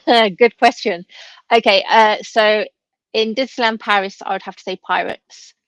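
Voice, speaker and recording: Creaky-voiced woman hosting a casual chat. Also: mid-range voice, a little slow, no echo, highs cut off. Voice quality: trouble pronouncing R's and W's. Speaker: host asking questions.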